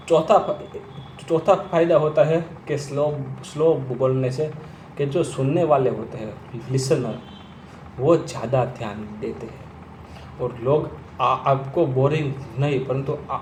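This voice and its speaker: A man coaching people who stammer. He stammers himself and repeats first sounds, speaking slowly and deliberately. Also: medium pitch, a little mellow, roomy sound, a little hiss or hum, low-quality recording. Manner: slow, deliberate delivery with long pauses. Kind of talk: instructional talk to camera.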